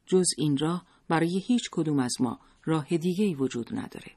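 A man's voice: on the high side, lively intonation, darkish tone, breathy edge. A man reading a story aloud and voicing a resolute middle-aged woman who speaks firmly and urgently. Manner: firm, urgent, commanding.

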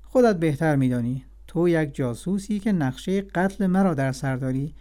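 A man voicing an angry, suspicious old king who gives commands with a quick temper, in a read-aloud storybook. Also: a little high, lively intonation, warm tone, natural voice. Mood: stern.

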